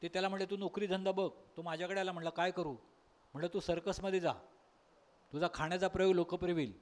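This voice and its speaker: A man's voice: high voice, steady tone, fast talker, a little mellow. A man performing a comic storytelling monologue on stage, breaking into sung verses and little character voices. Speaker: stand-up comedian. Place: live stage at a college workshop.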